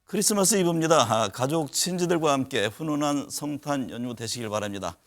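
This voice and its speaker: A man's voice: medium pitch, lively intonation, brisk, no echo. A male TV news anchor hosting a political interview, asking polite questions and prompting with short backchannels.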